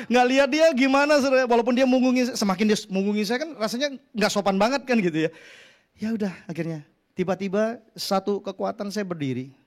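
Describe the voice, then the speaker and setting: A male pastor delivers a sermon in a voice that sits high for a man. He tells personal stories with humorous asides. He keeps turning to the congregation to address them directly. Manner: animated storytelling with joking asides; addresses congregation often as "saudara".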